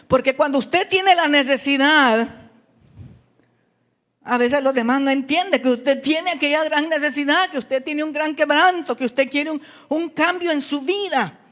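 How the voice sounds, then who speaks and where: A woman's voice: sits high, measured pace, fairly bright tone. A woman preacher delivering a sermon, acting out the story and speaking directly to the congregation. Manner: dramatic, acts out scenes, addresses congregation directly.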